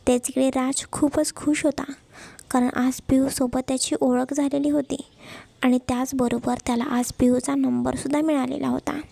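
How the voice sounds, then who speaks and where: High, creaky woman storyteller. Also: little pitch movement, normal speed, mellow, no room sound. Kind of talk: romance story narration.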